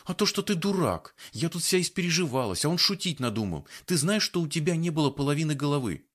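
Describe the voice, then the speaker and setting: A high, anxious young woman who snaps and scolds between bouts of near-tears, performed by a male storyteller. Her voice leaps up and down in pitch and sounds rattled throughout the audiobook scene. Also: big pitch swings, a little slow. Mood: indignant. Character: young woman, frightened and indignant. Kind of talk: audiobook character voice.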